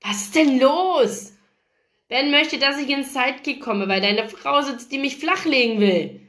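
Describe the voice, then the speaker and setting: A woman's voice: high voice, measured pace, voice pushed up. Woman reading a crude, grumpy young rocker guy. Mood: gruff. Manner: rude, loud, cursing. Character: crude, grumpy young male rock guitarist. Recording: roomy echo.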